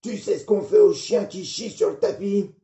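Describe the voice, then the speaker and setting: A man's voice: sits high, moderate pace, creaky, warm tone, voice pushed up. A man voicing an enraged father who bellows insults at his drunk son. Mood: raging. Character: furious drunk-hating old father, bellowing. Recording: muffled, roomy.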